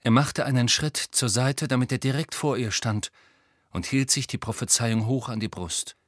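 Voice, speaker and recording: A man narrating an audiobook in a measured, even storytelling voice. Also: mid-range voice, no echo, clean studio sound. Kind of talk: scripted narration.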